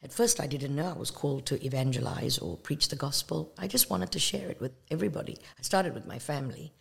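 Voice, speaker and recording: A woman from Malaysia speaks in a low, creaky, husky voice as an evangelist guest. In a conversational testimony about her faith, she comes across as earnest and reflective, often pausing or using fillers.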